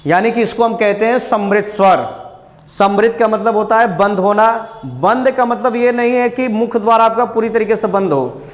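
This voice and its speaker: Male coaching teacher, high voice, classroom drill delivery, long room reverb. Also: normal speed. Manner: asks questions and answers them himself, drills vowels aloud. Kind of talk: classroom lesson on vowel pronunciation.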